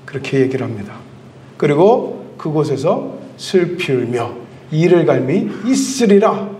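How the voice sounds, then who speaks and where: High-voiced pastor in an echoey church. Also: male voice, mellow. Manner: storytelling, asks the congregation questions. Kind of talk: sermon. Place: church sanctuary. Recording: echoey hall, voice from a distance.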